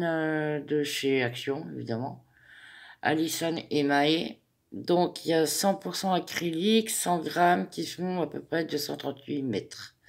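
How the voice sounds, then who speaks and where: A woman hosting a step-by-step crochet tutorial. She talks in a chatty, hesitant way, with many fillers, and counts stitches aloud. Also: on the low side.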